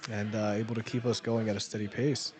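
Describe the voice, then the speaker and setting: A man giving excited live commentary at a powerlifting meet, calling each lift and its result. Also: fairly low pitch, fast talker. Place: powerlifting gym.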